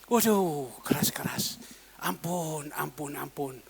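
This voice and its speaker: A male pastor from East Nusa Tenggara, preaching a sermon. He repeats his exclamations and swings from quiet asides to loud declarations. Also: a little high, takes it slowly, creaky, slight background noise. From East Nusa Tenggara, Indonesia.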